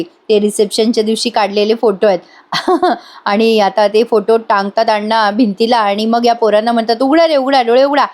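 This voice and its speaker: A woman's voice: a little high, a little mellow. A woman narrating a chatty voice-over recap of a TV serial, with asides to her listeners.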